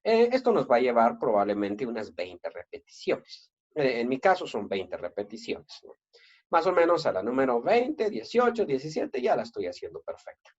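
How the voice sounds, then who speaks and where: Teaching Greek grammar online, this man speaks with a Central American Spanish accent and a mid-range voice that swings hugely in pitch. He's patient but halting, often using fillers and correcting himself, and the recording sounds dull and lo-fi.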